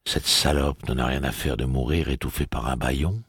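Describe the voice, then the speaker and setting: A stern, weary gunslinger speaks slowly and softly in a very deep, gravelly voice, as a man reads him. Each word is measured and cold, with a husky edge. The recording is dry and close. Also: no echo, heavily acted. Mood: cold resolve. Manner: slow, low, velvety and measured.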